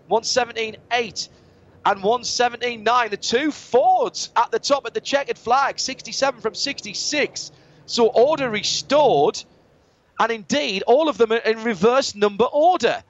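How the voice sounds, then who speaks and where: A man's voice: high-pitched, unhurried. A man giving fluent, descriptive live motorsport commentary as a play-by-play radio commentator. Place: live trackside at a street circuit. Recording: dull band-limited broadcast, loud trackside car noise.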